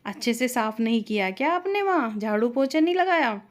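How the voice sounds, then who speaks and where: A woman's voice: a little high, very animated, fairly quick. A woman voicing an arrogant young sister-in-law who scolds and taunts. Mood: scolding. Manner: bossy, taunting.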